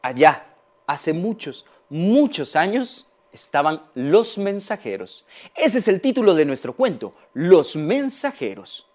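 A man, a storyteller teaching children tongue twisters and telling a tale, speaking slowly and clearly and addressing them directly. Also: a little high, sing-song, darkish tone.

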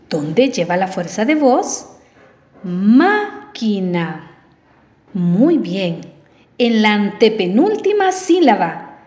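A woman teaches in a slow, deliberate way, stretching out each example word syllable by syllable. Her voice sits a little high and moves up and down a great deal. The recording is roomy and slightly dull. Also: darkish tone. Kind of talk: slow televised language lesson.

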